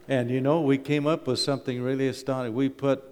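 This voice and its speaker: A Canadian man, middle-aged or older, speaks in a mid-range voice with a darkish tone. As a wilderness school principal, he gives the congregation a folksy, humorous slide talk peppered with rhetorical questions, recorded in a church hall with a long, echoey reverb.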